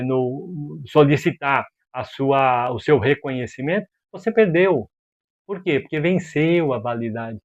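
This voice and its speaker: Speaking in a fairly high voice, a man from Brazil hosts a video of casual opinion commentary. He sounds animated and exasperated, throwing out rhetorical questions and slang, and the recording is muffled.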